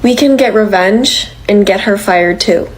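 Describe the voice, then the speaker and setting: A woman's voice: mid-range voice, unhurried, lightly acted, poor audio. A woman voicing a frustrated young female worker in a comedy cartoon, protesting and indignant. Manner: exasperated, protesting. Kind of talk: animated comedy dialogue.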